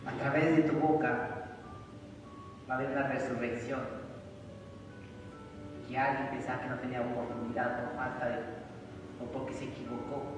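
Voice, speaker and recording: A man preaching a sermon and reading scripture, rising loudly for emphasis. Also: mid-range voice, flat delivery, normal speed, pauses often, over music. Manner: emphatic, loud rises when reading scripture. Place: church sanctuary. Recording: echoey hall from far off, noisy.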